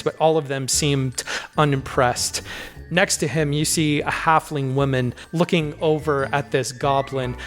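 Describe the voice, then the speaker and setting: A game master narrating a tabletop game in a vivid, descriptive, unhurried way. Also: mid-range voice.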